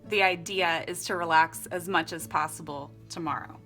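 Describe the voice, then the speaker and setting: Lowish and steady in tone yet pushed and bright, her voice moves at normal speed over faint background music. This young vlogger from Florida and Costa Rica walks through her journal setup at home in an upbeat, casual way, laughing often.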